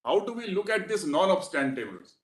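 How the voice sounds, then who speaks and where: In echoey courtroom audio, an advocate with an Indian English accent argues his case formally and deferentially, saying "my lord" over and over. He speaks a little fast in a high voice with big pitch swings.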